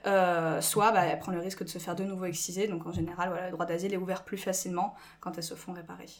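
A woman in her twenties from France, a podcast guest who talks in a lively way with many fillers and gestures a lot. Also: lowish voice, fast talker. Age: 20s. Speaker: guest, school staff member. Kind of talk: casual podcast interview.

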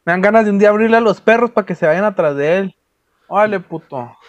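A man's voice: sits high, fast talker, dry recording, highs cut off. A young man with a Mexican accent chatting casually in slangy, heavily sweary street talk. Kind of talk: casual chat.

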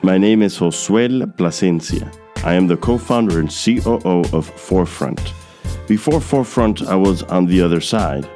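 A man's voice: low-pitched, lively intonation, normal speed, dark tone, faint music behind. A young man from Queens, hosting a podcast interview, reading a scripted intro and then talking loosely with many fillers. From Queens, New York. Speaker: podcast host.

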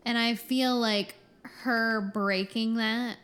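A young woman talking on a panel podcast, slow and measured, hedging her views with care. Her voice is a touch higher than most women's. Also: fairly even intonation, a bit bright. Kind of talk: casual chat.

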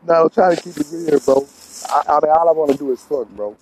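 A man's voice: a little high, quick pace, darkish tone, breathy edge, dry recording, low-quality recording. A man chatting casually in blunt, profane street slang, often repeating himself to press his point. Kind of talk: casual conversation.

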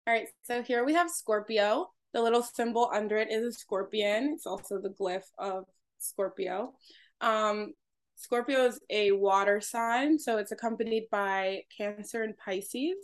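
A young adult woman co-hosts a podcast, her mid-range voice a little slow. She shares her thoughts casually and hesitantly, searching for words in a reflective chat.

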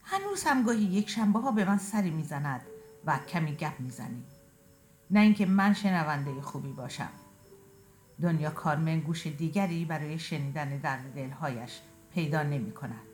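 A woman reading a short first-person story aloud in a quiet, reflective, tender way. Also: low-pitched, animated, soft background music.

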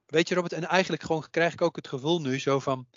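A man's voice: on the high side, quick pace, no echo. A man who works as a psychic medium, talking as a podcast guest in an earnest way, often repeating himself to drive a point home. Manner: earnest, repeats phrases while making a point. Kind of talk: casual podcast conversation. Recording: dull, muffled audio.

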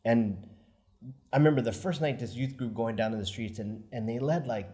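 A man's voice: medium pitch, brisk, mellow. A man, a missionary, reminiscing in casual conversation, reflective, laughing easily, his sentences loose and rambling.

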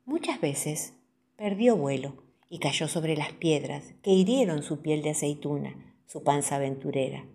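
An Argentine woman narrating children's stories with a soft, expressive reading voice. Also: low voice, measured pace, vocal fry, breathy edge. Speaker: storyteller.

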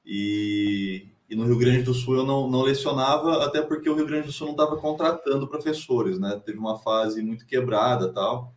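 A Brazilian man, a writer and teacher, answering interview questions casually with many pauses and restarts. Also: mid-range voice, fairly even intonation, echoey room. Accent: Brazilian Portuguese. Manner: hesitant, many fillers and restarts.

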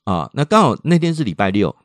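Older Taiwanese radio host, animated storytelling, dry studio sound. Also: male voice, mid-range voice, fast talker, dry recording. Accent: Taiwanese Mandarin with Hokkien words. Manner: lively storytelling, repeats words, mimics voices.

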